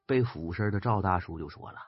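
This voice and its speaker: A man with a Northeastern Chinese accent telling a folk ghost story in a lively, dramatic way. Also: low-pitched, fairly quick, dry recording. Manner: lively, dramatic retelling, husky. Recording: dry, slightly dull recording with faint music.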